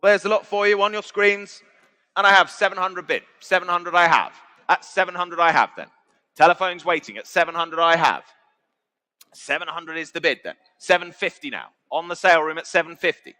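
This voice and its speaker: British guy auctioneer, highish bright voice, chatty bid calling, repeats the numbers. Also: brisk. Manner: conversational, repeats bid figures. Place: auction sale room.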